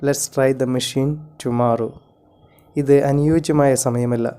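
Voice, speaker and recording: A man's voice: mid-range voice, fairly even intonation, slow pace, mellow, smooth, close to an everyday voice. A man reading as a nervous, earnest inventor father. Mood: calm.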